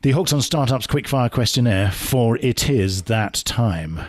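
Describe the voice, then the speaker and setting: A man hosting a podcast, playful and chatty as he jokes and works through a list of quick questions. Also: medium pitch, expressive. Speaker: podcast host. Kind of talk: casual interview, rapid-fire questions.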